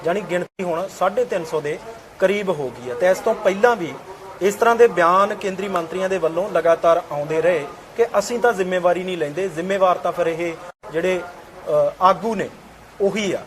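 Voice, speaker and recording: A man hosting a TV interview show, presenting in a measured way with small hesitations. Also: sits high, a little hiss or hum, low-quality recording. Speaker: TV talk show host.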